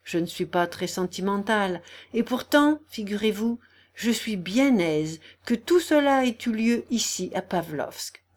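A woman reading an audiobook, voicing a dying young man who speaks quietly, hoarse and weary. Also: mid-range voice, lively intonation, unhurried. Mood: soft, weary. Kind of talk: audiobook character voice.

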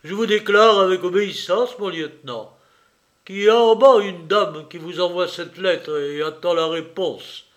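A chatty, eagerly obedient soldier orderly, as a male reader puts him on. He talks loudly in a raised, bright voice. It is a character from an audiobook reading. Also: high voice, unhurried, pitched above the performer's own voice.

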